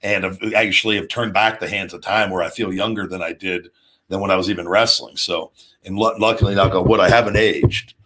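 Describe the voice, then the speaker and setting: Heard on a low-quality recording, this former pro wrestler in his late thirties hosts a loose talk show, responding to viewer questions off the cuff. His voice is low and fairly bright with fairly even intonation, and his speech is rambling and halting, with repeated restarts.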